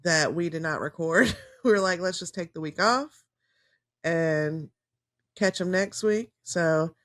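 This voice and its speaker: Slow-talking woman with a morning voice. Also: fairly low pitch, fairly bright tone. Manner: chatty, laughs often, trails off with fillers. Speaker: podcast co-host. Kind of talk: casual podcast chat. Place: home. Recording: level drops in and out.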